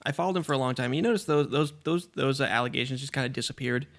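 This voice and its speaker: A man's voice: mid-range voice, fast talker. Joking, rambling man co-hosting a podcast. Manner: rambling, joking, eats while talking. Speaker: podcast co-host. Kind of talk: casual chat. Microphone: studio microphone.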